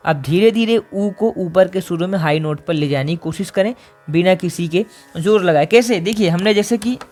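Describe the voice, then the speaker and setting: A man's voice: sits high, normal speed, darkish tone, faint music behind. A man teaching a singing lesson, explaining vocal exercises patiently step by step.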